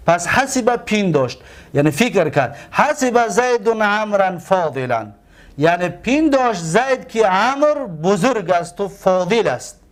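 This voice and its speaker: A man gives a religious classroom lecture. He drags out each example word and says it again slowly. He puts questions to the class and answers them himself. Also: sits high. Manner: stretches out and repeats example words slowly. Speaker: religious teacher.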